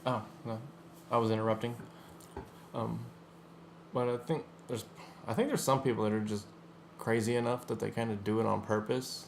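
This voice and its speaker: A man's voice: on the low side, fairly even intonation, normal speed, gravelly, pauses often, a little hiss or hum. A man co-hosting a podcast, talking casually and hesitantly, often laughing. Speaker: podcast co-host. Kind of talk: casual chat.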